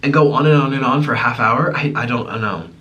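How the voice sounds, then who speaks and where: A Ukrainian-born man in his twenties who grew up in the United States chats casually over food on camera at home as a mukbang host. He speaks fast at a medium pitch, bright and forceful, though the highs are cut off. The mic is slightly distant, with faint room noise.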